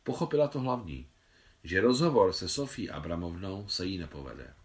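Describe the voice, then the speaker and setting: A man narrating a translated novel aloud in a measured, steady reading. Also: low-pitched. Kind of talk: audiobook narration.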